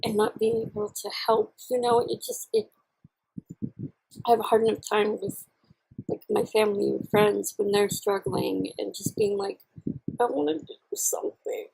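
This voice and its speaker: A woman chatting candidly and casually to camera in a halting, reflective way, chewing while she talks. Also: medium pitch, sing-song, creaky, a little mellow, slightly rough, rough recording. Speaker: vlogger. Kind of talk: casual personal chat to camera while eating.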